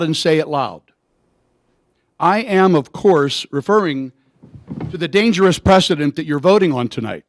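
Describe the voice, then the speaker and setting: A man's voice: on the high side, no room sound. A middle-aged man giving an emphatic, indignant public comment at a council meeting.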